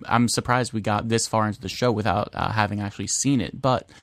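A man's voice: on the low side, steady tone, fairly quick, no echo. Easygoing man thinking aloud. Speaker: podcast co-host. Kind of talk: casual chat.

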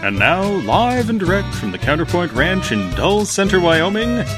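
A man's voice: sits high, sing-song, normal speed. A man playing a grand, dramatic announcer for an old-time radio western serial. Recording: music and insect sounds behind.

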